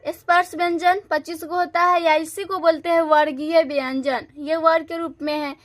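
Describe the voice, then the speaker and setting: A woman teaching a grammar lesson, explaining slowly and repeating each definition. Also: extremely high pitch, flat delivery. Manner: slow, repetitive explaining, restating definitions.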